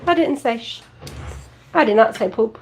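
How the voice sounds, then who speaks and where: A woman's voice: fairly high pitch, animated, normal speed, a little mellow, slight background noise. A woman artist hosting a live painting stream, chatting playfully while she works. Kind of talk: casual live-stream chat.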